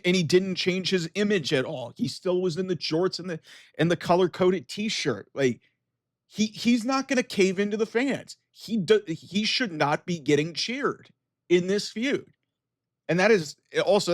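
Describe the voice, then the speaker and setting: A man's voice: fairly high pitch, no room sound, studio quality. A man giving casual, opinionated video commentary, arguing his points emphatically and directly to his viewers. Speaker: wrestling commentator with an online channel.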